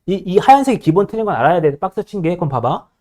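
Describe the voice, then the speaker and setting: A young male math teacher lectures his class with a bossy, teasing edge, prodding students for answers. His voice sits a little high and swings widely in pitch. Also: very animated, fast talker, dark tone. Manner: bossy, teasing, constantly checking understanding.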